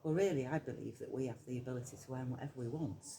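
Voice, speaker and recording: Speaking rapid-fire in an extremely low voice with vocal fry, a middle-aged woman from Yorkshire, England, talks as a hypnotherapist interview guest. Her Yorkshire accent, chatty reflection, frequent ums and soft laughs come over slight background noise.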